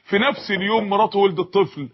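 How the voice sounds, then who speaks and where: A middle-aged Egyptian man with an Egyptian accent, preaching an emotional sermon and swinging between crying out and quick asides. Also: high-pitched, breathy edge, highs cut off. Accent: Egyptian Arabic. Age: 40s.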